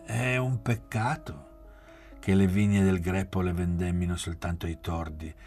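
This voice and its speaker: A brooding young man who moralizes in a grave, hushed way, as a male reader plays him. His husky voice is lifted a little above the reader's low register, over faint music. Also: fairly even intonation, measured pace. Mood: solemn. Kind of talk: audiobook reading.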